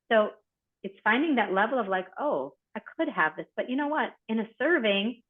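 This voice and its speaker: A woman hosting an online group, coaching members with animated, encouraging talk and reflective questions. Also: fairly high pitch. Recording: tinny phone-like video call audio.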